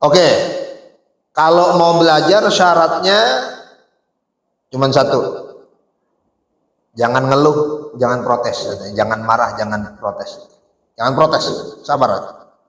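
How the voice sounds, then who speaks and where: A man's voice: mid-range voice, slow pace, pauses often, fairly bright tone. A man preaching a casual sermon, telling stories with rhetorical questions to the audience and reciting Arabic. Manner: colloquial speech with Arabic recitation. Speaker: Islamic preacher. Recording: echoey hall reverb.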